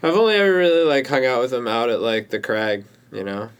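A man's voice: medium pitch, sing-song, brisk, clear, resonant tone. A man co-hosting a podcast, chatting casually in a laid-back way with short replies. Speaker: podcast co-host. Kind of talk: casual chat.

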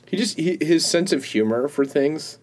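A man's voice: fairly high pitch, animated, normal speed, darkish tone. A man co-hosts a casual podcast, telling stories in a loose, rambling way. He breaks into laughter often. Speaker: podcast co-host. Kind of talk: casual chat.

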